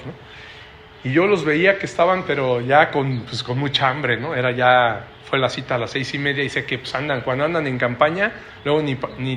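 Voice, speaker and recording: A man preaches in a chatty sermon style, often asking his listeners short questions. His voice sits a little high for a man. A faint hiss runs under the recording. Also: a bit bright. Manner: conversational preaching, tag questions, acts out quoted voices.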